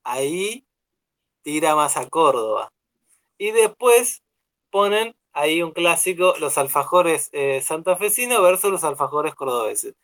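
A young man with an Argentine accent co-hosting a casual radio chat show, rambling and relaxed with many fillers. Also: fairly high pitch, a little slow. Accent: Argentine Spanish. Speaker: radio co-host.

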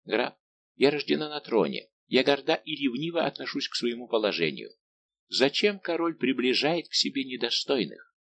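A man's voice: medium pitch, sing-song, moderate pace, creaky, a bit bright, pitched above the performer's own voice, full character voice. A man reading an audiobook, voicing a proud, jealous young royal princess with an imperious manner. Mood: pleading. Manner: imperious, then pleading.

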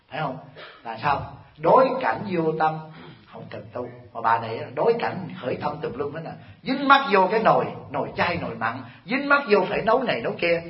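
A man giving a Buddhist sermon to an audience, telling stories and firing rhetorical questions at his listeners in an animated, scolding way. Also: mid-range voice. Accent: Vietnamese. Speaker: Buddhist monk teacher. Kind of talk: dharma talk sermon. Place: temple hall. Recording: echoey hall, dull lo-fi sound.

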